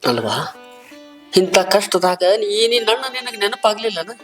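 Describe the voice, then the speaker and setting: An actor in a short village family drama, a man with a North Karnataka Kannada accent, plays a caring older brother who toils as a poor laborer. His high voice swings widely in pitch at a normal pace, earnest and pleading as he anxiously repeats the same questions. Music plays in the background.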